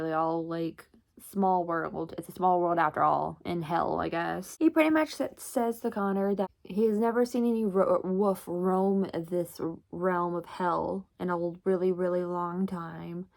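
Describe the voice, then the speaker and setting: A woman's voice: fairly low pitch, fairly even intonation, measured pace, gravelly, a little mellow. Woman, book vlogger, loose chatty recap delivery, casual and profane. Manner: chatty, lots of fillers, swears freely.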